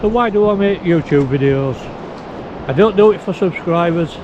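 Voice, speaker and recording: A higher-voiced man chats casually to his camera, talking a little oddly through a sore, toothachy mouth full of new teeth. He is outdoors on a beach, and the muffled audio carries plenty of wind and noise. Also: normal speed. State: sore mouth, in pain after tooth extraction. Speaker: video blogger.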